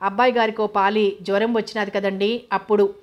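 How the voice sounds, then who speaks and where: Deferential male servant voiced by a woman, humble, audio novel, even tone. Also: mid-range voice, a little fast, highs cut off, natural voice.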